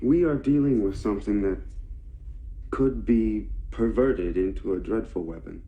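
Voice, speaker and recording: Anxious young scientist, mellow low voice, film. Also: male voice, a little slow, low-quality recording. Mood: worried.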